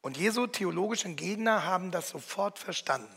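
A man preaching a sermon, swinging between loud, emphatic calls and soft, hushed phrase endings. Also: high voice, lively intonation, brisk, vocal fry, breathy edge, long reverb tail.

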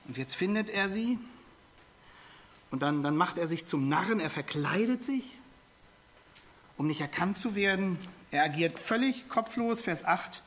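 German-speaking preacher, slightly high voice. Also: male voice, animated, unhurried, long pauses, a bit bright. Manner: expository Bible teaching, addresses listeners directly; repeats words when emphasizing. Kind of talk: sermon.

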